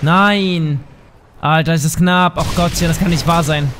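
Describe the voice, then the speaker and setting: A man's voice: on the high side, unhurried, background noise. A man commentating his own shooter game in a casual, frustrated way, swearing and thinking aloud. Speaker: gaming commentator. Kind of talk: casual let's play commentary. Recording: game gunfire behind the voice. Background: game gunfire and sound effects.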